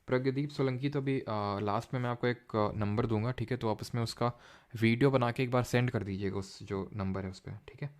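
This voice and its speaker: A man's voice: mid-range voice, steady tone, brisk. A man teaching a live online class in Hindi mixed with English terms. He explains step by step, puts quiz questions to his students and keeps saying "ठीक है" as he goes. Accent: Indian English terms mixed into Hindi. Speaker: online tutor.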